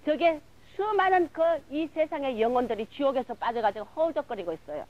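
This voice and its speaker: High-voiced fervent woman preacher. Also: lively intonation, a little fast, highs cut off. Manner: fervent, breathless retelling, runs of filler words. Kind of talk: emotional sermon testimony.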